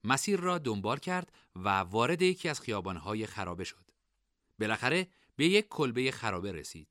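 A man narrating a fantasy novel as an audiobook, his pitch rising and falling with lively expression around a middle register. The tone is bright and forward, and the recording is dry and close with no room sound. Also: no room sound. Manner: expressive, varied storytelling delivery. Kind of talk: scripted narration.

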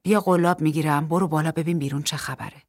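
A hurt young man speaks low and steady, protective toward his companion, read by a woman in her natural voice. The tone stays husky, close and dry. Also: dry recording. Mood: determined.

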